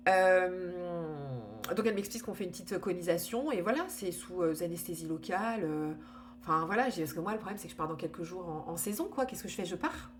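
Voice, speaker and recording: A woman talks through a personal account in a candid, unpolished way, with many restarts and small fillers. Her voice sits on the lower side. A faint hum runs under the recording. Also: fast. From France. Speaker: storyteller sharing her cancer experience. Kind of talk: casual personal testimony.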